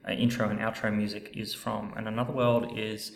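A man's voice: on the low side, flat delivery, fairly quick, vocal fry. A man co-hosting a podcast in casual chat from an echoey room, with a hesitant, rambling way of talking. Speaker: podcast co-host. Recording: echoey room with background noise.

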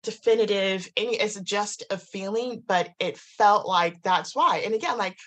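A woman guest telling a personal story in casual conversation, animated, full of "like" and restarts, acting out what people said. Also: medium pitch, normal speed. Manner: animated, many "like"s and restarts, acts out quotes.

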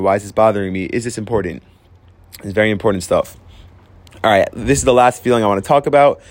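A young man talks in an earnest, storytelling way, often stopping to restart a phrase. His voice sits at an everyday middle pitch. The sound is close and dry, with no room echo. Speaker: host sharing personal advice. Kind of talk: reflective personal talk.

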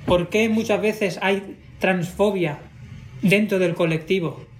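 High-voiced Spanish man, emphatic. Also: fairly even intonation, slow pace. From Spain. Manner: emphatic, repeats himself for stress. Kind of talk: casual conversation.

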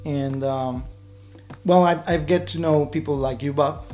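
A friendly man from Mexico with a Mexican accent answers interview questions. He speaks thoughtfully, with fillers and restarts, in a somewhat high voice. Faint music plays behind him. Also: fairly even intonation, measured pace, darkish tone. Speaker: interview guest. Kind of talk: casual interview.

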